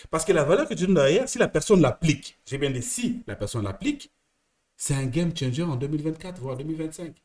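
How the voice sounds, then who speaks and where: High-voiced French man, coaching at a whiteboard; lively, repeats himself, talks straight to one client. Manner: animated, talks to one listener as "tu", many restarts. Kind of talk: explaining at a whiteboard.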